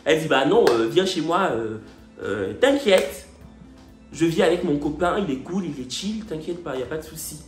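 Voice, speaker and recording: A man quoting a calm, offhand young woman classmate who reassures easily, with many hesitant fillers. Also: a little high, moderate pace, pitched below the performer's own voice, natural voice. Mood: reassuring. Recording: echoey room with faint music.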